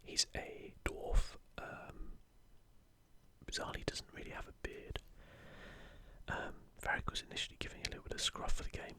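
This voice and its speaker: Gentle and unhurried, this man's whispered ASMR commentary is soft and breathy, with no voice behind it. He creates gaming ASMR videos, talking casually and reading passages aloud.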